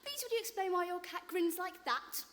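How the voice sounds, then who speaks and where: A woman playing a curious, contrary young girl on stage, lively and quick to argue. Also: extremely high pitch, big-room sound, very noisy. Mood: flustered. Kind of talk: stage play acting. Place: theatre stage.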